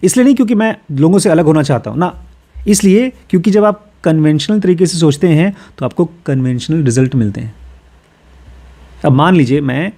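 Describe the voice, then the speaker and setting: A man's voice: fairly high pitch, expressive, fairly quick, dark tone. A man from Uttar Pradesh explains a self-help book in a casual way. He reads English passages aloud, then talks them through with everyday personal examples. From Uttar Pradesh, India. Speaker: course teacher.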